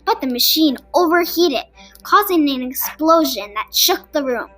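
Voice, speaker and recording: Here a female podcast narrator reads a scripted kids' superhero story in an animated, high-pitched voice, keeping a measured pace. The audio is very noisy, and music runs in the background.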